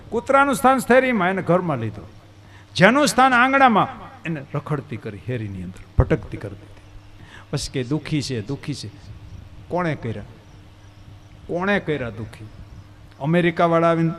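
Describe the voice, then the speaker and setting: Guy preaching a katha, high voice that swoops all over, keeps firing questions at the crowd. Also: fairly bright tone. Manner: rhetorical, questions the crowd and answers himself; folksy, earthy examples. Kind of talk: devotional discourse.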